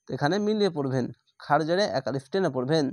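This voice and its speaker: A man's voice: a little high, expressive, quick pace, no echo, clean studio sound. A man teaching Quran reading, spelling out each letter and vowel mark and then blending the syllables, with patient explanations between drills. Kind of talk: slow spelled-out recitation lesson.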